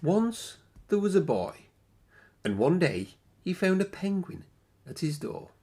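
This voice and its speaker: Expressive husky man reading a children's story. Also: high voice. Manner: dramatic phrasing with drawn-out words. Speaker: storyteller reading a picture book aloud. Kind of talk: expressive children's read-aloud narration.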